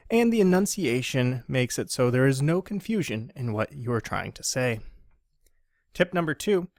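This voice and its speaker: A man hosting a training tutorial, speaking slowly and with careful, deliberate enunciation in a polished presenter voice. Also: fairly high pitch, no room sound, clean studio sound. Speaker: instructional video host.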